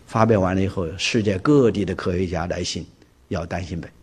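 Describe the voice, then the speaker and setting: A husky man, a preacher, giving an animated personal testimony and acting out the dialogue he quotes. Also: low voice, brisk. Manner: vivid storyteller who acts out quoted dialogue.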